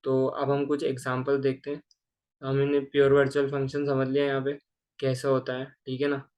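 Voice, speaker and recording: A man's voice: mid-range voice, completely flat delivery, normal speed, darkish tone. A man giving a casual programming lecture, explaining step by step and often checking in with the listener. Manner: conversational, keeps asking "ठीक है ना?". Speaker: programming teacher. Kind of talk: casual screen-recorded coding lecture.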